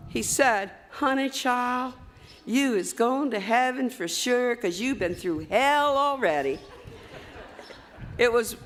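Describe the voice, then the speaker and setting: An older woman with a mid-range voice delivers a commencement speech in a large hall at a graduation ceremony, spinning folksy stories and tossing asides to the graduates. The hall is reverberant with faint ambience, plus a little hiss or hum.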